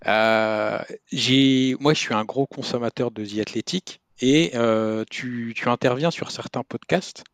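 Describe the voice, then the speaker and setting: A man hosting a podcast, asking questions casually and haltingly, searching for words. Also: medium pitch, dry recording, studio quality. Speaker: podcast host.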